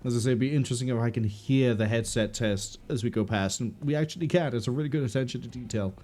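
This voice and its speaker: A man giving relaxed, rambling playthrough commentary as a gaming video host. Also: mid-range voice, fast talker. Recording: faint game music behind.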